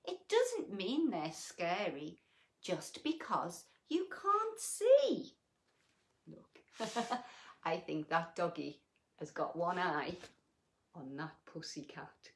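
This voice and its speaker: As a story host, a woman reads a children's picture book aloud with lots of expression, slipping in hushed asides and questions for her young listeners. Her voice is fairly low, sing-song, with drawn-out words.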